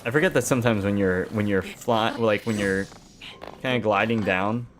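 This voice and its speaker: Over a little hiss or hum, a man in his thirties streams a game and chats in a lowish voice at normal speed. The talk is casual and rambling, with muttering to himself and the occasional laugh or curse.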